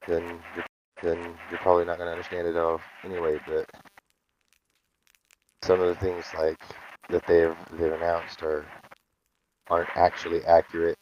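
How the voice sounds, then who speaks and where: A man's voice: sits low, completely flat delivery, normal speed, pauses often, darkish tone. A man chatting casually on a remote call; his mic sounds scratchy and muffled like an old phonograph, and he rambles and restarts his sentences. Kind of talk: casual chat. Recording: dull scratchy lo-fi mic with faint hiss.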